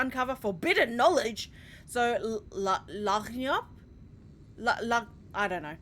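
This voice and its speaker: A young Australian woman commentating live as she plays a video game, animated, swearing and laughing often. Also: on the high side. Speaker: streamer.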